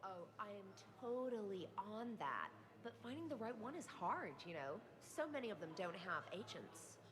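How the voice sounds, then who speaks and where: A woman's voice: medium pitch, sing-song, moderate pace, natural voice. A woman playing a vapid rich young socialite in a video game, with a bubbly sorority-girl manner and a Valley Girl American accent. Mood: bubbly, entitled. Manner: bubbly sorority-girl airhead delivery, breezily entitled. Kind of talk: video game character dialogue. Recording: busy crowd chatter behind voice.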